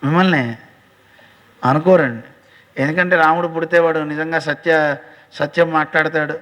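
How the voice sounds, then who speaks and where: A man giving a devotional storytelling sermon as a religious teacher, animated, acting out dialogue and addressing listeners directly. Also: on the high side, normal speed. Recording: long hall reverb.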